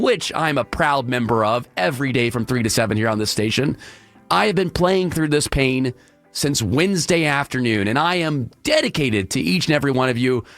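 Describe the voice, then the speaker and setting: A male radio talk show host with a hoarse, congested, frog-throated voice, projecting hard from the diaphragm in an emphatic, opinionated solo monologue from a radio studio. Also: fairly bright tone. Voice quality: deeper than usual, frog-throated.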